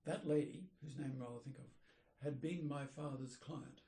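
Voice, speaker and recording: An older man, an architect, reminiscing in an interview, rambling and pausing to search for names. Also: medium pitch, mellow. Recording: roomy echoey room.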